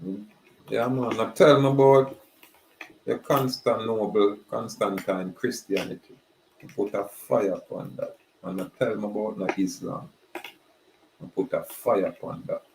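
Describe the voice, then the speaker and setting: Slow, deep-voiced man preaching. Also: steady tone, vocal fry, darkish tone, a little hiss or hum. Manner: slow, emphatic, repeats "yeah, man". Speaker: spiritual speaker. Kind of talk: preaching monologue. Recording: roomy echoey recording.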